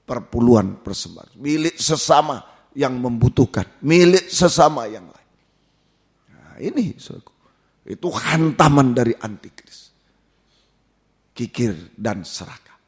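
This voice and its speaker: Animated Indonesian pastor preaching a sermon. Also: male voice, a little slow, pauses often, breathy edge. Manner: emphatic, swings from loud exclamations to low asides, asks the congregation questions.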